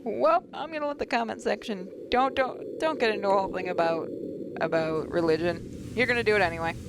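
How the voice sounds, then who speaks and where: A woman with a mid-range voice speaks briskly, hosting a gaming video in which she reads a visual novel aloud, adding asides and occasionally stumbling. Game music plays under her voice, and there is background noise.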